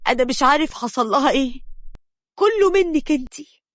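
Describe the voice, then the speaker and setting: A woman's voice: high voice, animated, fairly quick, no echo, studio quality. A woman with an Egyptian Arabic accent voicing an angry, worried middle-aged father who blames his wife, spoken sharply. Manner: sharp, blaming.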